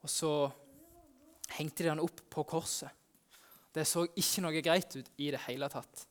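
A man, a youth pastor, telling the Easter story in first person at a family church service, lively and exclaiming as he talks to the children. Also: fairly high pitch.

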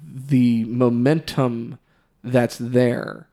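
A man of middle pitch talking on a podcast in an unhurried, considered way. He weighs his words and pauses to reflect. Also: little pitch movement, vocal fry, mellow. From Texas. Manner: thoughtful, measured, occasional laughs. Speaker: podcast host, music store employee. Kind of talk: casual podcast conversation.

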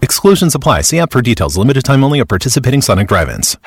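A man reading a scripted fast food ad as a commercial announcer. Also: medium pitch, big pitch swings, breathy edge, no echo, studio quality.

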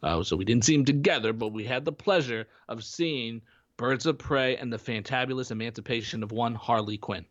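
A man's voice: medium pitch, fairly quick, fairly bright tone, no room sound, muffled recording. A man co-hosting a podcast in casual chat, rambling with many restarts and fillers. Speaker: podcast co-host. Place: home in Florida.

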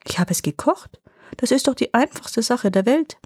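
A woman voicing a calm, shrewd tiny dwarf in a storybook fairy tale, speaking matter-of-factly. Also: a little high, normal speed, breathy edge, no room sound, clean studio sound, pitched above the performer's own voice.

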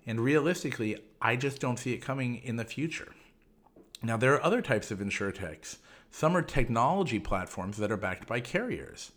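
A man hosting a solo explanatory podcast, talking in a measured, instructive way. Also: mid-range voice, lively intonation, a bit bright. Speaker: podcast host.

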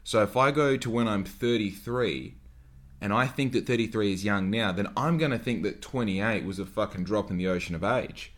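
Low-voiced man in his twenties rambling on a podcast. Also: moderate pace. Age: 20s. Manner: rambling, profane, filler-heavy with frequent "like". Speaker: podcast host. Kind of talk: solo podcast monologue.

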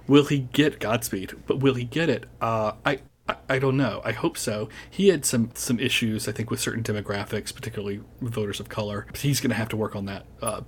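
A man in casual podcast chat, talking in animated bursts with frequent restarts and laughs. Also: fairly low pitch, brisk, a little hiss or hum. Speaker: podcast guest.

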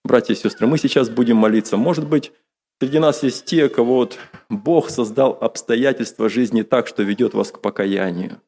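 Male preacher, dark soft timbre, gravelly fry, earnest sermon style, rhetorical questions, repeated phrases. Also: mid-range voice, moderate pace. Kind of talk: sermon to a congregation.

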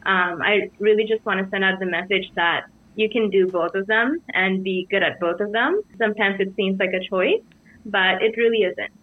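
A young woman from Sri Lanka, a dance company co-founder, answering interview questions in a measured, reflective way. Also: medium pitch. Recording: dry, tinny phone-like sound.

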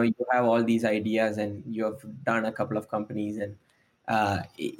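A man's voice: fairly low pitch, a little mellow, slightly rough. A man, a startup founder talking through his career in a podcast interview, thoughtful and hesitant with many ums. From India.

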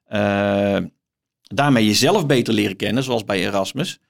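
Speaking in a lowish, gravelly voice, a middle-aged professor discusses books as a guest in an interview. He's thoughtful but halting, often repeating words as he looks for the right way to say things.

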